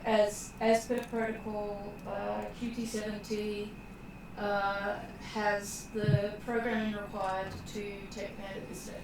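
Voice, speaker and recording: A woman's voice: mid-range voice, flat delivery, unhurried, lightly acted. A woman voicing a prim, butler-like protocol droid, talking in formal by-the-book phrasing. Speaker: tabletop game player. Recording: echoey room, far from mic, noisy.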